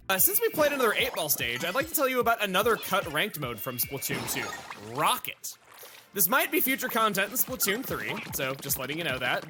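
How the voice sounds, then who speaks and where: A man commentating a video game, excitable, swinging from mumbled asides to loud shouts. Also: mid-range voice. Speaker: let's play commentator. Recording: game music behind the voice. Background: game music.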